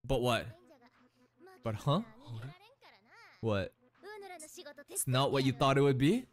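A young man in his twenties giving excited reaction commentary from a small room, close to a boom mic, laughing and breaking into shouts. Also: takes it slowly. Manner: animated, laughing, shouts in bursts. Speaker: anime reaction streamer. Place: small room indoors, in a gaming chair. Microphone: studio mic on boom arm, close.

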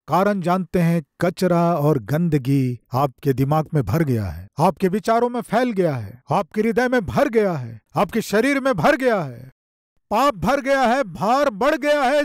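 Slow, emphatic male preacher. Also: sits high, darkish tone, no room sound, clean studio sound. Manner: slow, emphatic preaching with repeated phrases and dramatic pauses. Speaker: pastor. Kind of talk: sermon. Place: stage with a lectern, indoors. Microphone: podium microphone.

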